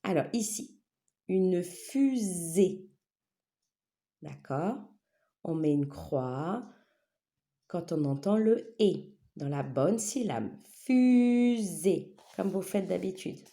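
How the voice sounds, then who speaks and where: A woman teacher, leading a phonics lesson for young children, stretching sounds slowly and often checking that they follow. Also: sits low, expressive, creaky, warm tone. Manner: slow, exaggerated syllables with a wide smile; patient, checks understanding often.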